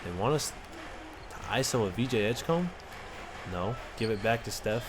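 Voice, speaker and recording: A man giving casual, excited play-by-play commentary over a basketball video game, with slang in his talk. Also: mid-range voice, moderate pace, background noise. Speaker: gaming content creator.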